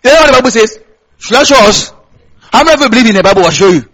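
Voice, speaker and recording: Through poor audio comes a very high, slightly bright, animated male voice racing along. He is a Hausa-accented preacher from Kaduna State, northern Nigeria, giving a conversational sermon to a congregation, repeating phrases and asking listeners to fill in or confirm lines.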